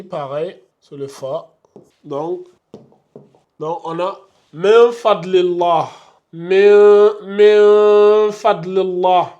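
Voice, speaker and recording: A man with a fairly high voice leads a classroom lesson at an unhurried pace. He patiently repeats each example, stretching the sounds out so his students can follow. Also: a little mellow, dull audio. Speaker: Quran recitation teacher. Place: classroom with a board.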